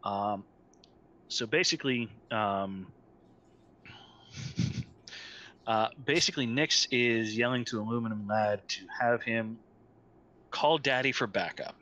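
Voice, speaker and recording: A man's voice: medium pitch, slow pace, long pauses, pushed and bright, highs cut off. A man acting as game master, patiently explaining rules with many fillers over an online call. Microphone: online call mic.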